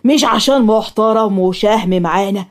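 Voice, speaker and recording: A woman doing a gruff Egyptian father. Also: mid-range voice, moderate pace, close to an everyday voice. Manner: gruff, blunt. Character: stern, practical middle-aged father.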